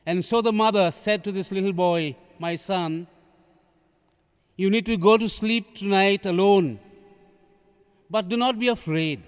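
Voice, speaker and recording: A man, a priest reading the gospel and preaching in a measured, solemn way, his voice echoing through a large basilica. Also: high voice, clean tone. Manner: slow, measured, solemn delivery. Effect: cathedral echo. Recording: long reverb from the church hall.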